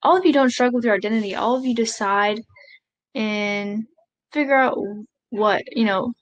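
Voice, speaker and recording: Voicing a sign language interpreter's rendering of a speech as it happens, a woman with a slightly high voice stops and starts, pausing and correcting herself along the way.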